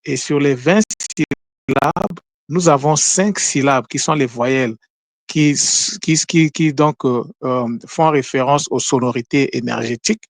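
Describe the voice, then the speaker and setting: A man giving a spoken lesson on word meanings, slow and deliberate, pausing often with fillers. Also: mid-range voice, creaky, no echo. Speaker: language teacher.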